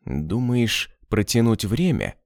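A man's voice: on the low side, big pitch swings, slow, gravelly, no echo, studio quality, exaggerated voice. A man voicing a cruel, hot-tempered male officer with a harsh, sneering manner.

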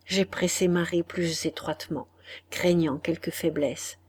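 Woman narrating an audiobook, husky, breathy, measured, dramatic. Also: lowish voice, fairly even intonation. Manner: measured, dramatic, sometimes hushed. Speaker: audiobook reader.

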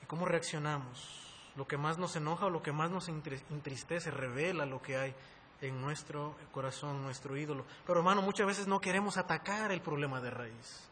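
A man preaching a sermon, who rises to loud, intense emphasis and calls his listeners brothers. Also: normal speed, a little hiss or hum. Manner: rising to loud, high-pitched emphasis, addresses listeners as brothers.

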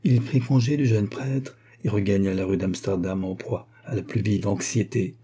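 A man reading a classic novel aloud in measured storytelling narration. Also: on the low side, dark tone, breathy edge. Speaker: audiobook reader.

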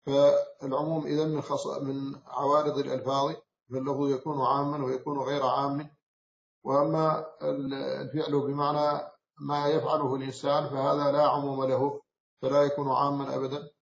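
A man from Mauritania, an Islamic scholar, giving a measured explanatory lecture on a classical text, often pausing and correcting himself. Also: medium pitch, level tone, creaky. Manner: measured, explanatory, with frequent self-corrections and hesitations. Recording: roomy, slightly dull recording.

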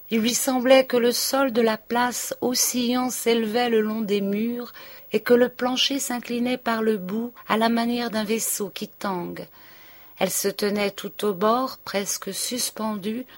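A woman narrating a novel as an audiobook, reading expressively and dropping to a whisper at tense moments. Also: mid-range voice. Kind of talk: scripted narration.

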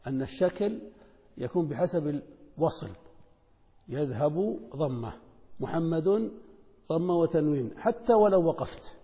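Guy teaching a lesson, asks and answers his own questions, bit high mellow voice, echoey hall. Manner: measured, explanatory, poses and answers questions. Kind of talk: explaining a lesson. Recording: long hall reverb.

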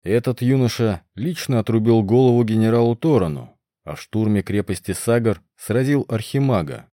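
A man's voice: lowish voice, moderate pace, warm tone, no room sound, clean studio sound, natural voice. A man voicing a commanding middle-aged male governor who speaks in a formal, proclaiming way.

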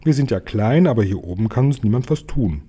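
A man's voice: medium pitch, lively intonation, fairly quick, warm tone, husky. A man voicing a stubborn young boy who has been turned into a bird. The boy complains and refuses things.

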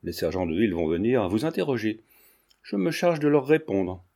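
A man's voice: fairly low pitch, big pitch swings, normal speed, gravelly, mellow, heavily acted. A man voicing a breezy, jocular young man who jokes offhand with his friends.

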